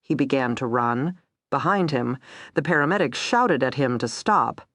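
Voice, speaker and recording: A woman narrating a dark crime thriller audiobook, tense and steady, voicing every character herself. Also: very deep voice, normal speed, no echo.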